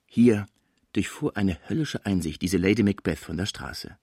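Low-voiced male audiobook narrator. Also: normal speed, gravelly, dry recording, clean studio sound. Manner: expressive, storytelling.

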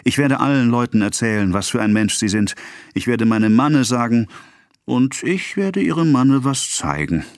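A man's voice: on the low side, lively intonation, moderate pace, no room sound, studio quality, pitched above the performer's own voice. A man reading the part of a scheming, mocking merchant who pressures a debtor. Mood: sneering. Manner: sneering, mocking. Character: scheming mocking male merchant, cold and sneering.

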